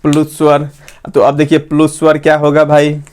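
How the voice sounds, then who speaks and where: A man teaching a grammar lesson, asking the class questions and answering them himself, and repeating phrases slowly so they can be written down. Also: a little high, completely flat delivery, darkish tone.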